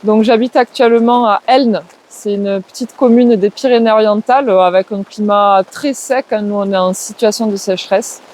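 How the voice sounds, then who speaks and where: This interviewee, a permaculture trainer from southwest France with a matching accent, has a mid-range, slightly mellow voice, fairly even intonation and a normal pace with hardly any pauses. Her long explanations are hesitant, sprinkled with "euh" and "ben," and she lists things off.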